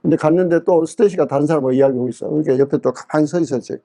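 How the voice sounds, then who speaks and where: A man's voice: fairly high pitch, very fast, vocal fry. A male pastor preaching a sermon at a church revival meeting, telling a personal story and acting out what each person in it said. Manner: lively storytelling that acts out quoted speech.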